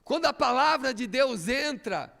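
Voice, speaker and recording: A male pastor preaching a sermon in a church, emphatic and building to shouts. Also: very high-pitched, expressive, a little slow, creaky. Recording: echoey church hall.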